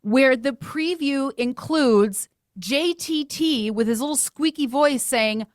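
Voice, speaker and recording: A woman in her thirties, a filmmaker guest in casual chat, talking in animated, laughing bursts. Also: high voice, slow pace, no echo, clean studio sound.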